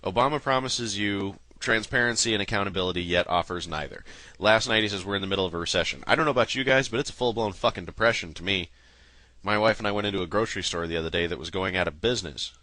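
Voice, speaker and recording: A man rants straight into the mic, angry, sarcastic and swearing freely. His voice is bright and cutting, with a lowish pitch, and the recording is dry and close with no room sound. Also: fast, dry recording. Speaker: political commentary video host. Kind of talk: angry political rant to camera.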